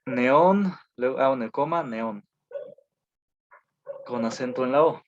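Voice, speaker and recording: A man teaches over a video call, reading out notes slowly, repeating words and filling pauses with little sounds. His voice sits at an ordinary middle pitch. The call audio is dull and lo-fi. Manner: slow dictation with frequent fillers and repetitions. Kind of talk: online class lecture, dictating notes.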